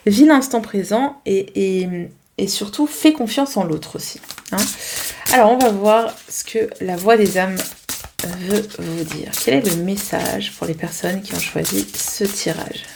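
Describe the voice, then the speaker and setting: A woman doing a tarot reading, pausing often, restarting her sentences and reading oracle texts aloud. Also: mid-range voice, gravelly, darkish tone, a little hiss or hum. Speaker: tarot card reader. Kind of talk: casual tarot reading to camera.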